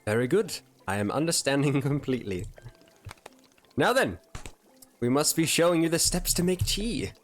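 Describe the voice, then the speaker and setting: A man's voice: on the high side, expressive, normal speed, pauses often, soft background music, close to an everyday voice. A man voicing a posh, polite male tea shop keeper, reading game dialogue aloud with formal phrasing.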